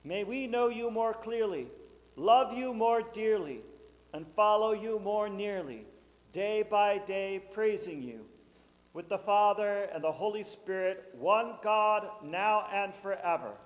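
A man's voice: sits high, takes it slowly. A man leading a spoken prayer in a church. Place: church sanctuary. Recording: church hall reverb.

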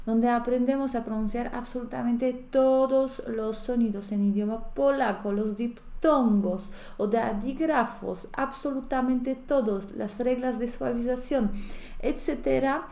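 Slow, patient woman teaching grammar. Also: fairly high pitch, fairly even intonation, mellow, roomy sound. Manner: explains patiently, often checks with a rising "¿sí?" or "¿no es cierto?". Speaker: language teacher. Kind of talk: grammar lesson.

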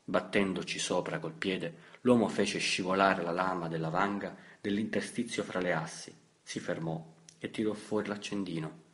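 A man reading a novel aloud as an audiobook narrator, in a measured, steady way. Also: low voice. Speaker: audiobook reader. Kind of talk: scripted literary narration.

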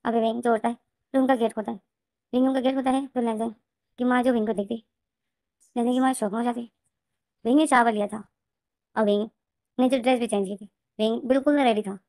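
A woman retelling her own fan-fiction story in a rapid, repetitive narration. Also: a little high, steady tone, warm tone, no echo, studio quality.

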